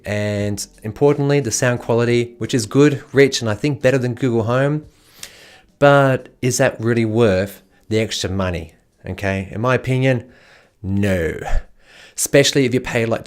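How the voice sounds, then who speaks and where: Male video host, medium pitch, casual gadget-review delivery over light guitar music. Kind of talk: casual product review narration. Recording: music playing behind the voice.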